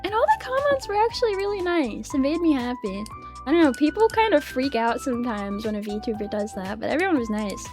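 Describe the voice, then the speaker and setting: Young female VTuber, casual stream chat, excitable, laughs a lot, swears, lively pitch swings. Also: a little fast, over music. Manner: excitable and giggly, swears freely.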